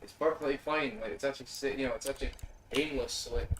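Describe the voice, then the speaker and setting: A medium-pitched man talks fast from a distant mic, his roomy, off-mic voice carrying slight background noise. Joining a friend's game stream in a shared room at a home gaming gathering, he rambles through darkly funny stories in casual chat during gameplay, packed with "like" and filler.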